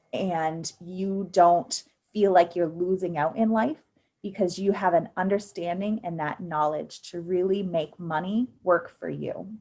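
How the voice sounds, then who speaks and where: A woman's voice: lowish voice, darkish tone. An encouraging woman in her thirties walks young people through an online workshop. Her talk is upbeat and loose, dotted with ums, and it comes through a computer mic on a video call. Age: 30s. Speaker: financial literacy presenter.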